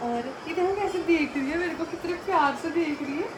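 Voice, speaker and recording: A woman's voice: very high-pitched, a little fast, noisy background. A young woman vlogging at home, chatting to the camera and teasing a baby in sing-song baby talk. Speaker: family vlogger. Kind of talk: casual home vlog chat.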